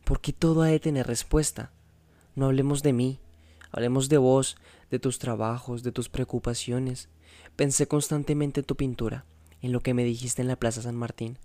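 A guarded young woman who keeps her answers short and evasive, read by a man in his own warm voice. She speaks softly and with restraint. The sound is close and dry. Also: mid-range voice, steady tone, moderate pace, dry recording, natural voice. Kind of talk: audiobook reading.

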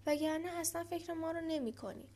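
A woman voicing a timid group of tiny fish who plead and flatter. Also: very high-pitched, voice pushed up.

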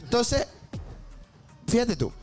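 A man's voice: very high-pitched, big pitch swings, takes it slowly, a little mellow, soft background music. A man with a Venezuelan accent telling comic stories in a casual chat, teasing and slangy. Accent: Venezuelan Spanish.

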